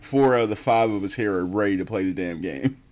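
A man's voice: on the low side, fairly quick, darkish tone. A man co-hosting a gaming podcast in casual chat, laughing often and rambling loosely. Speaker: podcast co-host.

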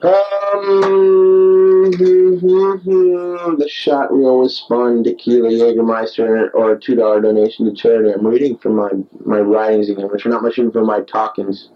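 A man's voice: medium pitch, flat delivery, measured pace. Rambling young man on a dictaphone. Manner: rambling, digressive, wry. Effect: dictaphone tape recording. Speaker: audio diarist. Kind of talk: late-night rambling monologue. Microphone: handheld tape recorder. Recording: dull lo-fi tape recorder.

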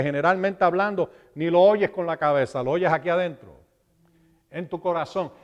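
A man's voice: high-pitched, in a large hall, highs cut off. A man preaching a sermon at a live church service, talking in a conversational way and often checking in with his listeners. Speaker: pastor.

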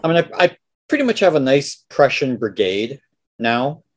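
A man's voice: mid-range voice, very animated, moderate pace. A middle-aged or older man with a Canadian accent, chatting casually as a podcast co-host in a folksy, joking way. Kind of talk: casual chat between friends.

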